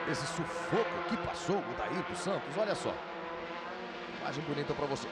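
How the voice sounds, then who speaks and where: A man with a Brazilian accent giving live motor race commentary, drawing out his calls of the action dramatically. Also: on the high side. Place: commentary booth at a racetrack. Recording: loud engine and trackside noise behind. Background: loud car and outdoor track noise.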